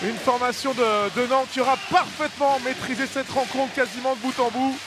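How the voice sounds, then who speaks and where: A man's voice: very high voice, fairly quick, music in the background. A man giving live commentary on a handball match. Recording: noisy sports hall behind commentary.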